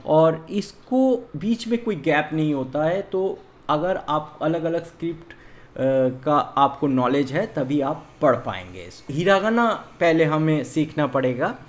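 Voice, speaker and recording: A language teacher from India leads a beginner lesson at an unhurried, deliberate pace. The pitch rises and falls in a lively, animated way while they explain step by step and count out the writing strokes aloud.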